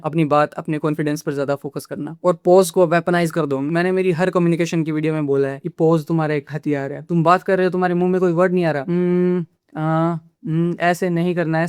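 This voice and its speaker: A communication-skills video maker addresses viewers directly in an informal lecture, peppering his speech with English phrases as he talks to camera. The voice is a little high, a little mellow and smooth, with no room sound and clean studio audio.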